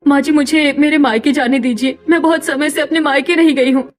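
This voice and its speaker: A woman voicing a meek, mistreated young village wife in a cartoon story, gentle and pleading. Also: high voice, steady tone, fairly quick, close to an everyday voice.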